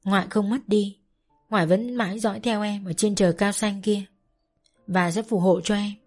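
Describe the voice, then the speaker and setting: A woman voicing a calm young man who comforts a grieving friend in a soft, slow, soothing way. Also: medium pitch, soft background music, lightly acted.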